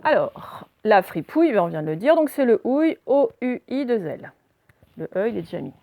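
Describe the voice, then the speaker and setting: A woman's voice: a little high, very animated, normal speed, narrow, tinny audio. A woman teaching a spelling lesson to children, patiently spelling out words letter by letter.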